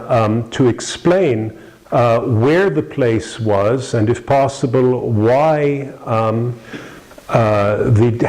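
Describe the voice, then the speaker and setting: A man's voice: mid-range voice, a little mellow, low-quality recording. A middle-aged man from New York with an American accent, giving a rambling public lecture with many fillers and restarts. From New York City, USA.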